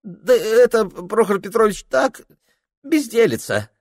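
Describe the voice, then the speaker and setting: A giddy, drunken young clerk shrieks and babbles in a voice pitched far above normal. The lines swoop wildly and come out dry and close. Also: male voice, sing-song, a little slow, no echo, heavily acted. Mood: shrill evasive. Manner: shrill, babbling, exclaiming.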